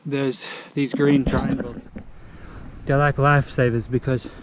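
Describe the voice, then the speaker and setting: A man's voice: medium pitch, little pitch movement, unhurried. A young man out of breath, talking to an action camera while he climbs a mountain road on a bike. His talk is strained and panting. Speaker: vlogger. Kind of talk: cycling vlog to camera. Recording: loud wind and road noise.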